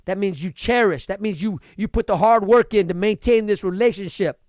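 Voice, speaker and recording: Man, high-pitched, podcast host, emphatic motivational talk, exhorting, dry recording. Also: fairly quick, darkish tone, no room sound.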